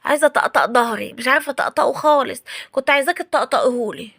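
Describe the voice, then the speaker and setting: A woman's voice: sits high, very fast, creaky, fairly bright tone, husky, no room sound, clean studio sound, heavily acted. A woman with an Egyptian accent playing a pushy, freeloading sister-in-law who whines and keeps repeating the other woman's name. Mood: whiny.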